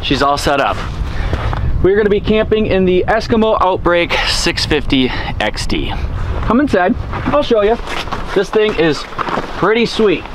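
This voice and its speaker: Excited young guy vlogging on the ice, kinda high voice, a bit of wind noise behind. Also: measured pace, pauses often. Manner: upbeat, enthusiastic, talks to camera. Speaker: outdoor channel host. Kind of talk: energetic vlog presenting. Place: outdoors on a frozen lake, then inside an ice tent.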